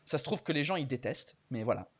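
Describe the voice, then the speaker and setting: Man, casual bilingual live chat, swears a lot, mid pitch. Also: expressive, fast talker, breathy edge. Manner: mixes French and English, swears freely. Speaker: host.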